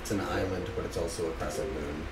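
A man co-hosting a video game playthrough, answering his partner with dry, exasperated, deadpan comebacks. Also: deep voice, quick pace, a crowd in the background. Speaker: let's play co-host. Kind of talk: casual gaming banter. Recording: roomy, distant mic with background noise.

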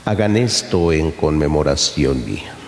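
A middle-aged man, a priest, reciting the Mass at the altar in a slow, measured, solemn way. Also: extremely low pitch, lively intonation. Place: church sanctuary, behind the altar. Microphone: fixed camera from across the altar. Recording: echoey church with long reverb.

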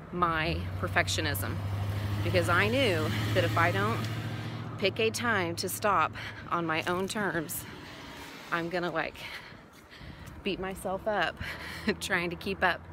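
Woman, thirties, lower voice, chatty walk-and-talk vlogger on a phone mic, with audible traffic around her. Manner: chatty, searches for words mid-sentence; talking while walking. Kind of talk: casual walk-and-talk vlog. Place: outdoors on a suburban street. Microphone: phone held at arm's length, earbud mic. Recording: outdoor street noise, passing cars.

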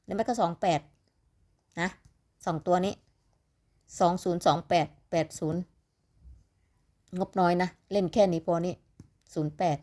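A woman's voice: lowish voice, fairly even intonation, unhurried, long pauses, dark tone. A woman with an Isan accent from northeastern Thailand, chatting casually and ramblingly to her viewers as she tips lottery numbers, sounding sleepy. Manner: chatty, rambling, calls viewers "little siblings".

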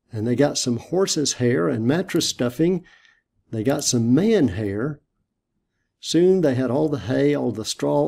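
A man reading a picture book aloud for a church storytime, then giving a short lesson, in a gentle, deliberate way. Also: medium pitch, vocal fry.

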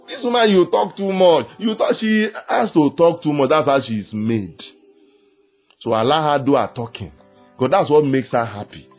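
A man, preaching a lively sermon on marriage and slipping into acted quotes of husbands and wives. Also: medium pitch, slightly rough. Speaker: pastor. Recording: tinny phone-like sound with faint music.

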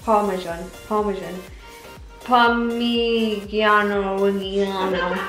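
A woman's voice: mid-range voice, steady tone, takes it slowly, fairly bright tone. Chatty young woman in an echoey kitchen. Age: young adult. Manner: chatty, upbeat, rambling asides to viewers. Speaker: vlogger. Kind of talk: casual cooking vlog. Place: home kitchen, indoors. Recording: roomy kitchen echo, faint background music.

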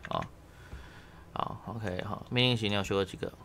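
A man's voice: on the low side, fairly quick, vocal fry, heavy background noise. A man teaching Japanese grammar one-on-one, casually checking understanding with tag questions.

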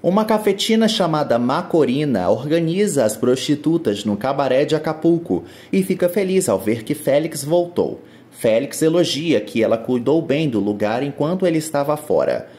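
A Brazilian man narrates an episode recap from a studio voice-over mic. His voice is mellow and dark, but his delivery swings up and down with brisk storytelling energy. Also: a little high. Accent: Brazilian Portuguese. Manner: brisk storytelling with lively rises. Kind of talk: scripted narration.

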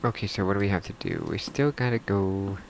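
A man's voice: lowish voice, a little fast, background noise. A man commenting as he plays a horror game, nervously muttering to himself and tripping over words when he reads aloud. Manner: stumbles when reading aloud. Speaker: video game player.

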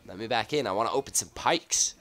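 A man with a low voice, a little husky from a cold, commentates live on a game pack opening. He talks casually, reacting offhand to each item as it shows up. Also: brisk, fairly bright tone. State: slightly sick, husky off voice from a cough. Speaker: gaming video host.

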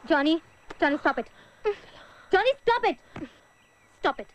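A woman's voice: high voice, unhurried, a little hiss or hum, poor audio. An actress playing an emotional young woman student who cares for her friend, in film dialogue. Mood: furious. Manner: animated, emotional.

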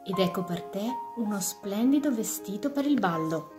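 A woman voicing a kindly fairy godmother, gentle and reassuring, in a puppet fairy tale. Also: medium pitch, lively intonation, moderate pace, natural voice. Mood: soothing. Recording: music behind the voice.

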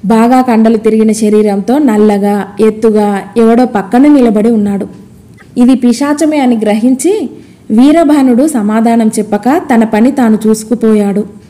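Woman storyteller, measured storybook narration, deeply mellow tone.

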